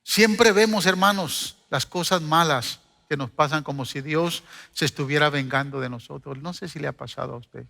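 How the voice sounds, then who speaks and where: A man's voice: fairly high pitch, normal speed, gravelly, few pauses, pushed and bright. A middle-aged man preaching a sermon as pastor, telling stories and joking with his congregation. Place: church hall. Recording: long hall reverb.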